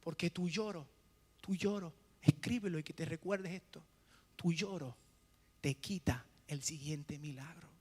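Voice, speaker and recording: A male pastor preaching a sermon, asking rhetorical questions and pausing for the congregation to fill in the answer. He swings between hushed lines and loud, emphatic bursts. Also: a little high, husky, long reverb tail. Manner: preaching with rhetorical questions and call-and-response pauses.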